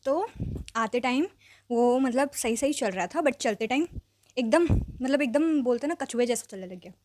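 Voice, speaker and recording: A young woman telling a personal story in a chatty, animated vlog style, dropping English phrases in and leaning on fillers. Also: sits high, moderate pace, dry recording. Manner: mixes English phrases into speech. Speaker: vlogger. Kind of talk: casual storytelling.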